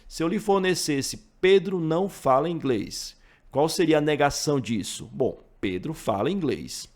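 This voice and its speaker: A man's voice: fairly high pitch, darkish tone. A man with a Brazilian accent teaching math, explaining each step through worked examples and often checking in with the listener. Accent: Brazilian Portuguese. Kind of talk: explaining logic for exam prep.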